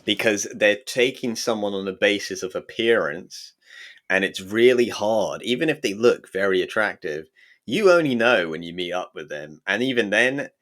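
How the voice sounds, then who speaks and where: Male co-host, very low voice, playful and musing. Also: expressive, moderate pace, a bit bright. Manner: teasing, laughs often, thinks aloud with restarts. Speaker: podcast co-host. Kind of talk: casual podcast chat.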